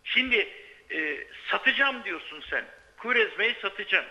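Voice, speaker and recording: A man's voice: high voice, expressive, moderate pace, pushed and bright. A man speaking as a sports writer calling in to a live show by telephone, arguing insistently like a radio show caller and repeating his points for emphasis. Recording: muffled, band-limited live telephone line.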